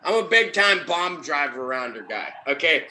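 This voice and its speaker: A man's voice: on the high side, lively intonation, normal speed, bright, forceful tone, a little hiss or hum. A man talking like a rowdy frat bro, casually bantering and swearing on a livestream. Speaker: podcast host. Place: remote group call.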